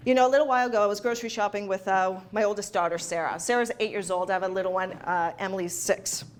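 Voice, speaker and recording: A woman's voice: mid-range voice, fairly even intonation, quick pace, smooth. A woman giving a motivational talk to a live audience, emphatic and repeating key phrases for effect. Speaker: motivational speaker. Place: event hall.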